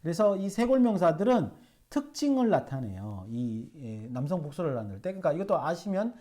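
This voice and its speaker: A man teaching Hebrew grammar at a whiteboard. He sounds out syllables slowly, keeps checking in with his students with quick rhetorical questions, and fills pauses with "예" and "어". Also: on the high side, sing-song, dark tone. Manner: frequent "예" and "어" fillers. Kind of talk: whiteboard lecture. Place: classroom at a whiteboard.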